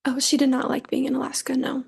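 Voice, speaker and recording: A young woman testifies in a courtroom in a high voice with plenty of vocal fry. Her delivery is soft-edged and mellow, and she answers briefly and plainly as a witness. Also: monotone, fast talker, slight background noise. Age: young adult.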